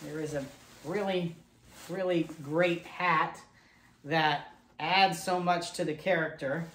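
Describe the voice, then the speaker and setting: American man, slow-talking, in an echoey room. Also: a little high, fairly even intonation, a bit bright. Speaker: ventriloquist host. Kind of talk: casual unboxing presentation. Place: indoor puppet studio room. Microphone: camera a few steps away. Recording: echoey room, distant camera mic.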